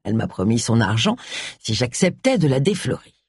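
A man's voice: medium pitch, big pitch swings, fairly quick, darkish tone, breathy edge, dry recording, studio quality, voice pushed down. A reader voicing a smug, genteel man who talks in a mocking, amiable way with a sinister edge.

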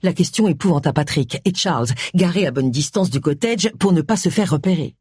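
A man's voice: on the high side, animated, fairly quick, a little mellow, breathy edge, no room sound, studio quality. A man narrating an audiobook expressively, voicing all the parts himself. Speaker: audiobook reader.

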